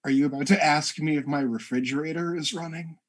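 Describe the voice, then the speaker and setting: A man's voice: a little high, fairly even intonation, a little fast. A man playing casually in character in a tabletop game, sarcastic and sweary. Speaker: player.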